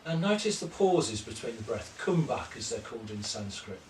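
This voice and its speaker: Male yoga teacher, soft and unhurried guided instruction, recorded from a distance in an echoey room. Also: mid-range voice, slight background noise. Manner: slow, gentle, calm cueing of breath and poses. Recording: roomy echo, distant mic, faint ambience.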